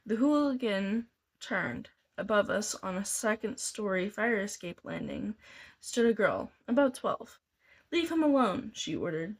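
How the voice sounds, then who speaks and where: A woman reads a novel aloud, taking it slowly and deliberately. She now and then goes back to restart a phrase, with her pitch sitting in a middle range. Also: animated. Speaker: reader.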